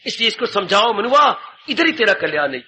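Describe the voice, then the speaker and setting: An older man, a swami giving a Hindi sermon, telling stories and acting out the people in them with sudden swings in pitch. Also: big pitch swings, a little fast, bright, forceful tone, slight background noise. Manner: storytelling with acted-out voices and sudden pitch swings.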